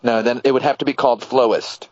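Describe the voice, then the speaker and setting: A man's voice: mid-range voice, fairly even intonation, fast, a little mellow, dry recording. A man co-hosting a podcast, bantering in a joking, mock-serious way. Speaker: podcast co-host. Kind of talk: casual comedic chat. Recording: dull lo-fi audio.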